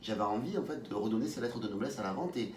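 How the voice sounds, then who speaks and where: A lower-voiced man with a lisp gives a conversational interview, recorded at a distance in an echoey space. He stumbles and restarts words as he explains himself. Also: lively intonation, fast. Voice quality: lisp, slurred s. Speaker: interview guest, sales coach. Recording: roomy echo, distant mic, faint noise.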